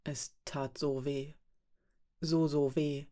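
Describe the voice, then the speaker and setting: A woman narrating a novel as an audiobook. Her voice sits somewhat low, and she reads in a calm, measured way.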